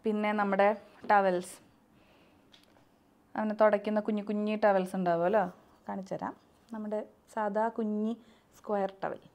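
A young mother with a medium, darkish voice talks at normal speed in a flat way, pausing often, as she demonstrates her baby setup in the home nursery for a vlog. She still chats casually and sing-songs to a crying baby while another person films.

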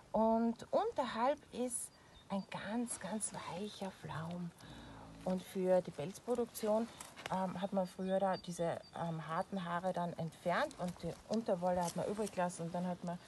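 A woman's voice: mid-range voice, darkish tone. A young Austrian woman explains animals to children in a kindergarten teacher manner, using simple words, recorded outdoors. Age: young adult. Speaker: animal trainer and presenter. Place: outdoors in a small animal enclosure. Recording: clear outdoor background noise, animal sounds.

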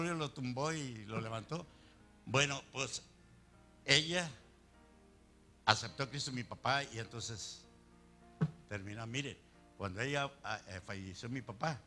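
A man, telling his faith testimony in a preaching style, animated and chuckling as he recounts. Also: medium pitch. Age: 60s. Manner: animated storytelling, chuckling asides. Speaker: church brother giving testimony.

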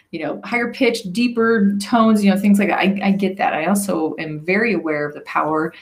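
A middle-aged woman coach talks straight to her viewers in a relaxed, motivational way. She is expressive and enthusiastic and keeps tagging her points with a quick "right?". Her voice sits a little on the low side. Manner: enthusiastic and expressive, often stops to ask "right?". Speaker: leadership coach and trainer. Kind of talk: casual motivational talk to camera.

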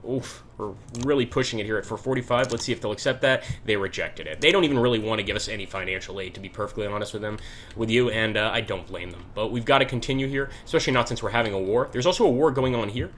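Bright-voiced man narrating a strategy game. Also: lowish voice, quick pace, a little hiss or hum. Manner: chatty, thinking aloud while playing. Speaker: gaming channel host. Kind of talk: let's play commentary.

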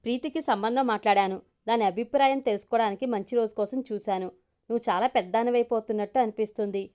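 A woman reading as a tactful gentle wife. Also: fairly high pitch, fast talker, lightly acted. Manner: soft, persuasive.

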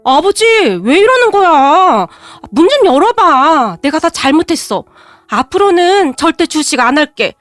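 A woman's voice: sits high, big pitch swings, measured pace, dry recording, pitched above the performer's own voice. A woman voicing a desperate husband who clings and begs in a whining tone, in a storybook narration. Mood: pleading. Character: pleading, begging husband in his thirties.

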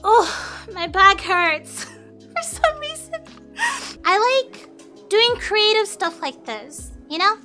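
A young adult woman with a very high, slow voice chats casually on a cooking livestream from her home kitchen, sounding cute, girlish and giggly like an anime streamer. Expressive and bubbly, she talks into a close studio mic on a boom arm while music plays in the background.

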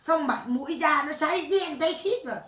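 Female spirit medium, bright piercing voice, coarse scolding delivery, recorded far off in a roomy space. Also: high voice, a little fast. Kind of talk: séance, speaking for the dead. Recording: echoey room, mic far off.

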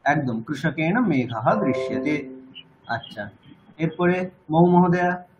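A man teaching a language class online with a Bengali accent, patiently correcting students and slowly repeating words. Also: fairly high pitch, animated, lo-fi sound, music in the background.

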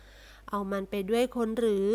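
A woman voicing a reasonable young doctor who speaks slowly and thoughtfully. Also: mellow, natural voice.

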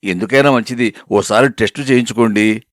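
A man's voice: on the low side, brisk, no room sound, clean studio sound, pitched below the performer's own voice, lightly acted. A man voicing a fussing middle-aged wife who scolds and bosses her husband. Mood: scolding. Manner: scolding, nagging.

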